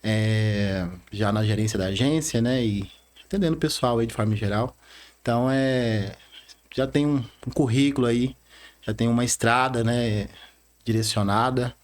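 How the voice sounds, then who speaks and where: A man in his thirties with a Rondônia Brazilian accent, a bank manager chatting as a podcast guest, earnest and halting, tagging lines with "né?". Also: medium pitch. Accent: Rondônia Brazilian Portuguese. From Bahia, Brazil, raised in Rondônia. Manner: earnest, frequent "né?" tags, halting restarts. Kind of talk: casual interview talk.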